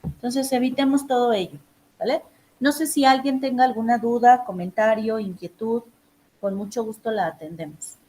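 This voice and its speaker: Emphatic woman teacher, fairly high voice. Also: normal speed, warm tone, poor audio. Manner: emphatic, instructive, addresses students directly. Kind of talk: online class session.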